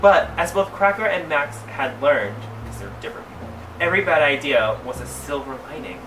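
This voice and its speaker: A man with a sassy drag queen delivery, reading fan fiction aloud comedically, with theatrical drawn-out emphasis and mock-scandalized asides. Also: on the high side, expressive, a bit bright, soft background music. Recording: roomy, distant mic, clearly noisy background.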